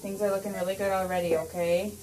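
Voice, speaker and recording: A woman dental assistant talks a patient through aftercare. Her voice sits at a medium pitch, and she is reassuring and plain-spoken, explaining things casually in a small clinic room. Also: level tone, fast talker, noisy background. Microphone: patient's phone, a little away from her.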